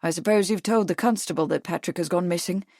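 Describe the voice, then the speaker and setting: A woman reading a grave Victorian gentleman. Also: fairly low pitch, fast talker, no echo, clean studio sound. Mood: grim. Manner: calm, grave. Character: grim steady Victorian gentleman.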